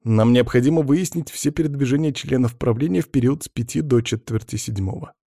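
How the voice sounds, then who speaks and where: A man reading an audiobook, voicing a calm male investigator who questions softly and evenly. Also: medium pitch, vocal fry, no echo, pitched above the performer's own voice. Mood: probing. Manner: soft, measured questioning. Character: calm, probing male investigator, gently ironic.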